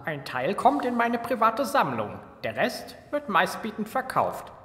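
Smug rival treasure hunter male actor, film dub, highish voice, lively and mock-polite, with reverb. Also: unhurried, full character voice. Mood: greedy, boastful. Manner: mock-polite, sneering, theatrical. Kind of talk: amateur film dub acting.

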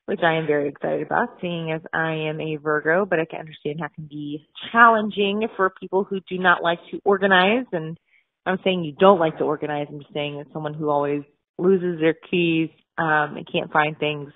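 A woman's voice: deep voice, fairly even intonation, a little fast. A woman, a podcast co-host, leaving a chatty, rambling voicemail for her best friend over a phone line. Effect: voicemail message over a phone line.

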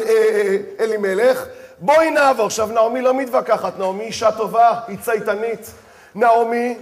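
High-voiced rabbi preaching a sermon. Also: male voice. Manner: addresses the audience directly, storytelling with dramatic voiced asides.

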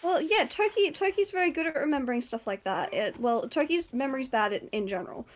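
A woman's voice: sits high, lively intonation, a little fast. A woman doing casual live gameplay commentary as an easily startled horror game streamer.

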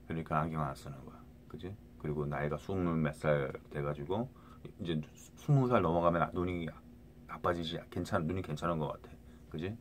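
A middle-aged man with a very deep voice rambles to his viewers, tripping over words and checking in with "right?" again and again. A faint hiss sits under his phone recording. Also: fairly quick. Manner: rambling, many restarts, keeps asking "right?". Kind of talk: rambling casual monologue to viewers.

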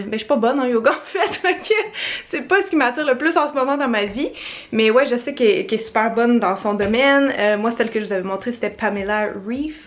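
A young woman with a Québécois French accent, chatting casually to the camera in her home studio, rambling and self-deprecating, often laughing at herself. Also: on the high side. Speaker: vlogger. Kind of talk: casual vlog chat to camera.

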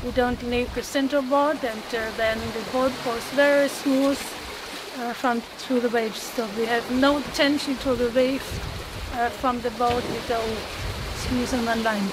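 A woman with a high voice speaks slowly and haltingly, reaching for words with frequent "uh"s. She is recorded outdoors on a yacht's deck through a nearby camera mic. Steady wind and sea noise run under her voice. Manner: halting, searching for words with many "uh"s. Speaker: sailboat owner on a cruising rally. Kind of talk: casual interview.

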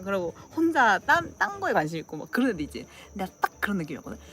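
Young woman, Gyeongsang accent, chatty channel host, very expressive pitch, faint background hiss. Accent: Gyeongsang dialect. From Gyeongsang region, South Korea. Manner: animated, acts out dialect lines, laughs often. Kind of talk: casual chat with viewers.

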